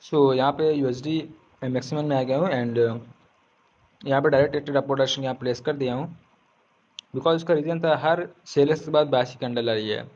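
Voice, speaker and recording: A man explains trades in a relaxed tutorial, his words coming in short repeated bursts with frequent restarts. The recording is dull and lo-fi, with a faint hiss underneath. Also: medium pitch. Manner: informal, repeats himself, frequent self-corrections; says he is speaking slowly on purpose today. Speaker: trading tutor. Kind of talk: casual screen-share tutorial talk.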